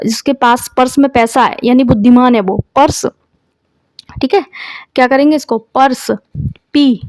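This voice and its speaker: An Indian woman teacher leads an exam vocabulary lesson in a fairly high voice. She spells words out letter by letter and uses quick memory tricks. The recording is close and dry, with no room sound. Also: darkish tone, no echo.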